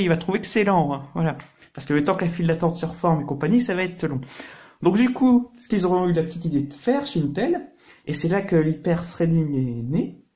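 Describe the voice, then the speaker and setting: A man talks his way through a hands-on computer repair, chatty and loose, leaning on everyday comparisons to explain things. His voice sits a little higher than most men's. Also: darkish tone. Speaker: computer hardware tutorial host. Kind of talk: casual hands-on tutorial.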